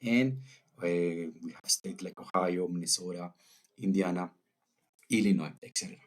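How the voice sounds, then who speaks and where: A man narrating a recorded lesson in a deliberate way, with fillers. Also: sits low. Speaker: teacher.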